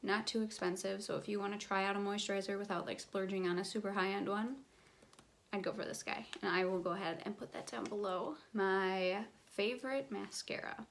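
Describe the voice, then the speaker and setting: A woman's voice: mid-range voice, fairly even intonation, brisk, creaky, a little hiss or hum. Chatty woman reviewing beauty products. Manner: chatty, filler-heavy, enthusiastic recommending. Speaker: beauty vlogger. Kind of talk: casual product review vlog.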